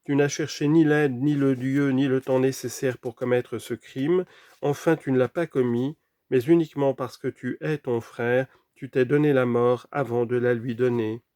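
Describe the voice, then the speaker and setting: A man reading a sermon aloud in an earnest, deliberate way, dropping quieter for scripture references. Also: mid-range voice, steady tone, no echo, studio quality. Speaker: reader of a sermon.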